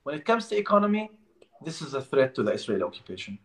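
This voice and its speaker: A man's voice: a little high, sing-song, quick pace. A Palestinian man giving an impassioned interview, pressing his points with emphasis and repeating words as he goes. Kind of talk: remote interview.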